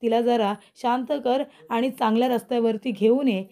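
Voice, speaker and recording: A woman's voice: fairly high pitch, fairly even intonation, normal speed, dark tone, close to an everyday voice. A woman reading the lines of a stern aunt from a TV serial, speaking in a reproachful, commanding way. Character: stern older aunt of the household.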